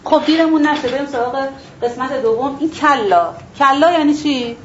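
Woman religion teacher lecturing a class, slightly high voice, rhetorical questions, emphatic repetition, muffled recording. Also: a crowd in the background. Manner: asks and answers her own rhetorical questions, repeats words for emphasis. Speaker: Quran teacher. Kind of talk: explanatory religious lesson to a class. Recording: dull lo-fi recording with faint background noise.

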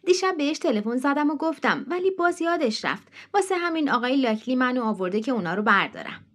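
A brisk, bossy woman who speaks bluntly, as read by a woman narrator. Her lines sit higher than the narration. The delivery stays firm and dismissive. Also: sing-song, a bit bright.

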